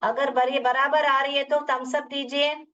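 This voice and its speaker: A woman's voice: high-pitched, level tone, fairly bright tone. A woman teaching phonics in a live online class, sounding out letters one by one and mixing Hindi explanations with English words. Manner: drills sounds slowly, letter by letter. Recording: dull distant lo-fi audio.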